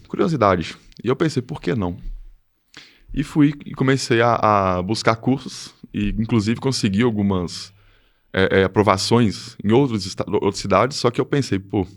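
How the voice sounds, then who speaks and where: A man, speaking as a podcast guest. His voice sits fairly low, and he talks in a halting way, full of fillers and restarted phrases. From Minas Gerais, Brazil. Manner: hesitant, many fillers and restarts. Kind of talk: casual interview chat.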